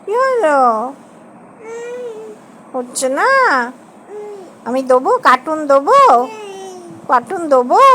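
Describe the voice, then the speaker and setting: A very high, slow voice: a woman talking baby talk to her little one, asking the same coaxing questions over and over in a sing-song way. A faint hiss of noise sits behind her. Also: a bit bright.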